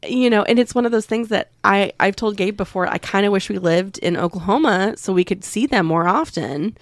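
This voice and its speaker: A woman co-hosting a podcast in casual chat, talking frankly and with animation, teasing and quick to laugh. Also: medium pitch, no room sound. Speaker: podcast co-host.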